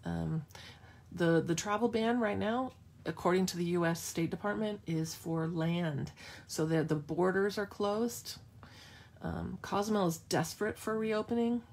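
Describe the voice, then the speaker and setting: A woman's voice: fairly low pitch, breathy edge. A woman hosting a live craft demonstration, chatting casually and playfully as she answers viewers' questions. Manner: chatty and playful, thinks aloud with restarts.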